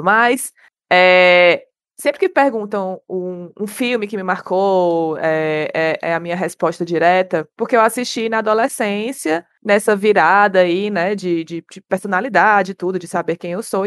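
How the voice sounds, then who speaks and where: A woman's voice: mid-range voice, clean tone, dry recording, studio quality. A hungover woman with a Brazilian Portuguese accent, chatting casually and hesitantly as a podcast guest. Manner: informal, hesitant, rambling. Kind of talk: casual chat.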